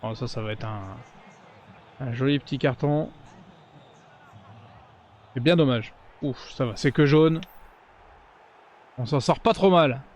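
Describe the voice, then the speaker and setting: A man giving casual let's-play commentary, chatting straight to his viewers and breaking into cheers and shouts during big plays. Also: medium pitch, slow, pauses often. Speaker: gaming YouTuber.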